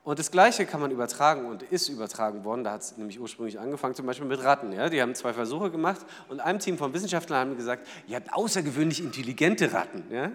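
A man preaching a sermon in a lively way, asking the audience questions and acting out small everyday scenes. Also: medium pitch, fast, hardly any pauses, big-room sound. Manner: lively, asks the audience rhetorical questions, acts out little scenes. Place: church hall.

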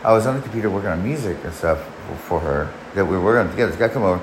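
On his podcast, a forties-aged host tells a long, rambling personal story full of swearing and frequent restarts. He speaks low and rapid-fire. The recording has an echoey room sound and faint background noise.

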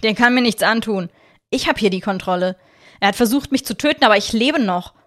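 A woman's voice: fairly high pitch, animated, brisk. Woman doing a foul-mouthed angry young thug. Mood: defiant. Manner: rough and swearing, loud. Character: agitated young male street criminal, foul-mouthed.

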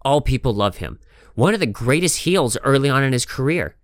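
A man's voice: medium pitch, animated, fairly quick, dry recording, clean studio sound. A man hosting a casual podcast chat. He talks in an emphatic, rambling way and swears a lot. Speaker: podcast host.

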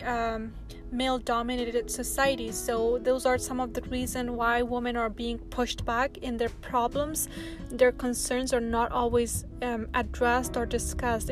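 A woman from Afghanistan speaks on her own podcast in a fairly high, level voice. She talks earnestly, stopping often to search for words. Music plays clearly behind her. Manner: earnest, halting, many ums. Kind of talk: solo podcast talk.

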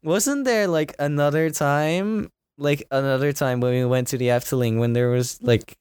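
A man hosting a casual podcast chat with friends, playful and quick to laugh. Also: fairly high pitch, darkish tone, clear, resonant tone, no echo, studio quality. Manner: laughs a lot, playful, steers the talk. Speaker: podcast host.

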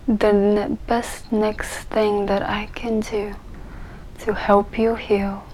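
Slow, soft-spoken woman guiding meditation. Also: mid-range voice, level tone, a little hiss or hum, low-quality recording. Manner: soft, gentle, slow, often breathy near-whisper. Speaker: meditation guide. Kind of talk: guided meditation.

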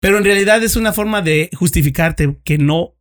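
Man, Mexican accent, slightly high voice, ex-police investigator, casual storytelling, crude slang, acts out dialogue. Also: a little fast. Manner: slangy, swears freely, acts out both sides of dialogue. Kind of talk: casual storytelling among friends.

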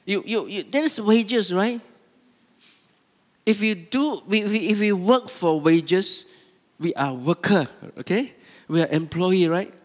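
A man's voice: high voice, slow pace, big-room sound. A man preaching a sermon with repetitive, stop-start, emphatic phrasing.

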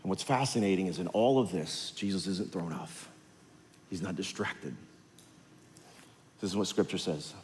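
A male pastor giving a sermon, telling the story with lively, animated delivery and acting out the characters. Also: sits low, moderate pace, pauses often, a little hiss or hum. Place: large church hall. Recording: hall reverb with faint music.

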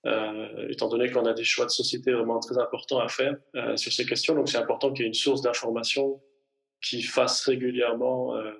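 A man's voice: mid-range voice, level tone, fairly quick, creaky, a bit bright, rough recording. A man in his thirties from the French Alps, a climate scientist answering interview questions with many fillers and restarts. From Hautes-Alpes, France. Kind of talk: podcast interview.

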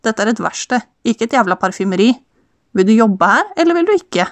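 A woman's voice: a little high, sing-song, no room sound. Grumpy cursing garage mechanic, middle-aged man, dry close sound, read by a woman. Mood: grumbling. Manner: gruff, cursing.

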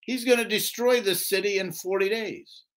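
Reading scripture at a moderate pace, this Bible teacher has a high, fairly bright voice. His informal lesson is rhetorical and emphatic, and he keeps looking for agreement with "right?"

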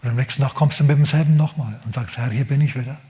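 A male pastor preaching a sermon, telling a story with animated emphasis, repeating words and dropping to whispers. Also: mid-range voice, fast talker.

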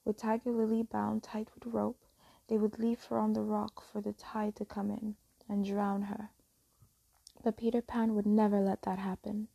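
A woman telling a fairy tale as a soft, slow, whispered bedtime story reading. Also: medium pitch, little pitch movement, gravelly, slightly rough, no echo, rough recording.

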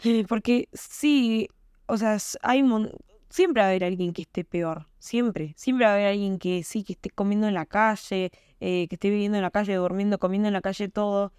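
A woman's voice: mid-range voice, normal speed, a little mellow, clear, resonant tone, no room sound, studio quality. A young woman with an Argentine accent hosting a podcast, talking casually and emphatically with rhetorical questions. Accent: Argentine Spanish. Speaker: podcast host. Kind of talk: casual monologue.

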